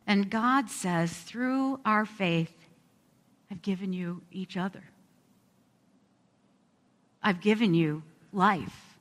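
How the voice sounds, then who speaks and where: A woman pastor praying slowly and reflectively during a service, her voice carrying the long echo of a large church. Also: mid-range voice, fairly bright tone. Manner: slow, reflective, heartfelt praying. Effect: long echo of a large church hall. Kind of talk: spoken pastoral prayer. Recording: reverberant church sanctuary.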